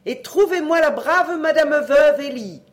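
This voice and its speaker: An audiobook reader voicing a bossy, loud-mouthed mother of a poor family who scolds and gives orders. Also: unhurried. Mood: commanding. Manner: scolding, commanding, shrill. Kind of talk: audiobook reading, acted dialogue.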